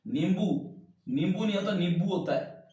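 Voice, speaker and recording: A man's voice: high voice, normal speed, dark tone, muffled recording. Hindi teacher man in an echoey room. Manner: explains while writing on a board, repeating words. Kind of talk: spelling lesson for exam students. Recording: very echoey room, mic far off.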